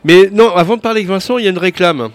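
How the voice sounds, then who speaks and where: A man hosting a radio show in a studio, chatting with guests in a relaxed, halting way with frequent restarts. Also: high voice. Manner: hesitant, many restarts, chatty. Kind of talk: casual studio chat.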